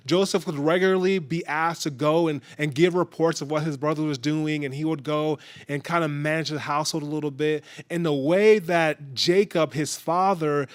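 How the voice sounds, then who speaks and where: Young male preacher, fairly high voice, chatty storytelling sermon. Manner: casual, conversational, with hesitations.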